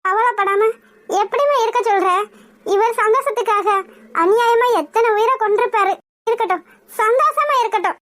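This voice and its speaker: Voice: very high-pitched, moderate pace, a bit bright. A performer voicing a grieving, devout young woman in a cartoon drama, pleading with god in anguish. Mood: sorrowful.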